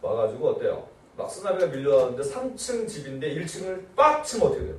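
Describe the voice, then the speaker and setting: A man, a pastor, giving a lively church seminar and acting out nagging quotes in shrill voices. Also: quick pace, reverberant, distant mic, slight background noise. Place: church hall.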